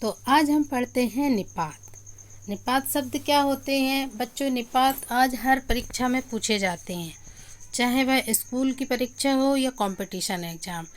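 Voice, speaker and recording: Higher-pitched woman teaching a grammar lesson. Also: normal speed. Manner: repeats key words and stresses them, addresses the children directly; explanatory, asks questions then answers them. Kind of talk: classroom-style grammar lesson.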